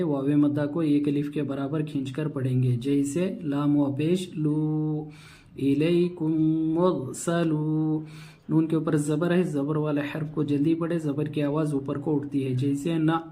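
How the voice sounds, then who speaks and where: A male Quran teacher, sounding out each syllable slowly before explaining the rules at a quicker clip. His voice sits a little high but stays flat and steady, with a dark, mellow tone. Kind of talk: slow spelled-out Quranic reading lesson.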